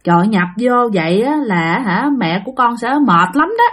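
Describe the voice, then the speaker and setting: A woman voicing a gentle, coaxing elderly male Buddhist monk. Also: mid-range voice, animated, normal speed, lightly acted.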